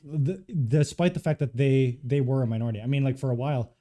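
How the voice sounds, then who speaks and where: A man with a mellow, warm voice speaks quickly as a podcast host. He cuts in with additions and caveats while the talk keeps going. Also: mid-range voice. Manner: quick, interjecting, adds caveats. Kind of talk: casual conversation.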